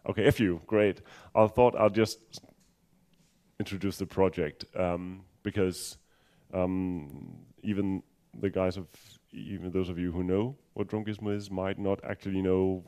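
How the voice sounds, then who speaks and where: A Danish man with a deep, clear, resonant voice speaks accented English at a software conference. Dark-toned and relaxed, he works through technical points with frequent pauses, ums, and restarted sentences. His humor is dry and self-mocking.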